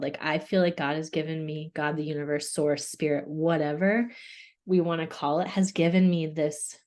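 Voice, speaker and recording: A woman's voice: on the low side, warm tone. A young adult woman coach giving a candid webinar talk, laughing often and open about her feelings. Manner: candid, laughing, tearful at times.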